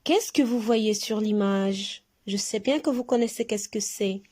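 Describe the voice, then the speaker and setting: A woman teaching young pupils to read, stretching out each sound and syllable slowly and clearly so they can repeat after her. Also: mid-range voice, warm tone. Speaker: primary school French teacher. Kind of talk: recorded reading lesson for young pupils.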